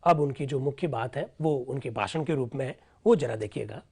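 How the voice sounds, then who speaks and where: A man's voice: medium pitch, normal speed, creaky, mellow, slightly rough. A man teaching, reading out old assembly debates and explaining them step by step, often asking a question and answering it himself. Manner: explanatory, asks and answers his own questions. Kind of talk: lecture reading and explaining archival proceedings.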